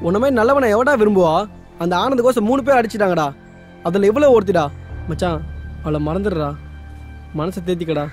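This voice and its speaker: A man's voice: high voice, brisk, pauses often, a little mellow, soft background music, natural voice. An actor playing a blunt, loyal best friend who scolds and advises his lovesick pal, in film dialogue.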